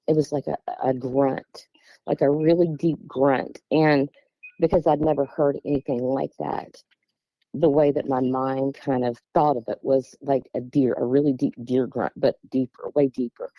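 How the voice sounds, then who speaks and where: Here a middle-aged Appalachian woman from West Virginia recounts something from her own life, plain-spoken and wandering. Her deep voice holds a fairly even intonation at a measured pace. The close, dry audio is dull and lo-fi with no echo.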